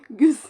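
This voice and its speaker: Giggly, slow-talking woman gamer. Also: on the high side, warm tone, breathy edge. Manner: giggly, reads chat aloud. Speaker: game streamer. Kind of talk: casual gameplay commentary.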